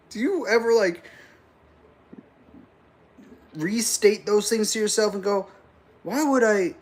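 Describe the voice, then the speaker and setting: A man's voice: high voice, steady tone, measured pace. A man hosting a political reaction livestream, talking sarcastically, laughing often and swearing freely. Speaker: livestream host.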